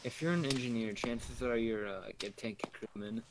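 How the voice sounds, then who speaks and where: A man's voice: mid-range voice, moderate pace, a little hiss or hum. A man chatting hesitantly and easygoingly with teammates while playing a team shooter game. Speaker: gamer. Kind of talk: casual gaming chat.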